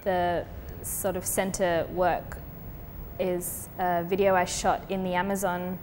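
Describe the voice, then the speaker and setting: A low-voiced Colombian artist takes her time explaining her artwork in an interview, thoughtful and steady but with frequent fillers. She's in a gallery space, and the recording has long reverb and faint background noise.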